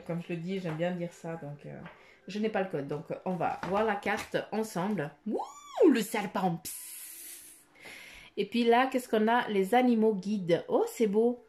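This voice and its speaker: Speaking directly and intimately to her viewer, this card reader offers daily guidance through a relaxed oracle reading. She wanders from point to point, peppering her talk with "hein" and "euh." Her mid-range female voice has a slightly mellow quality.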